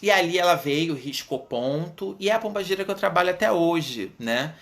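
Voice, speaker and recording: Man in his thirties, Brazilian accent, slightly raised pitch, earnest personal storytelling, unhurried. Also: lively intonation, gravelly, a bit bright. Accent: Brazilian Portuguese. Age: 30s. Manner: earnest, unhurried, frequent tag questions. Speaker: Umbanda medium.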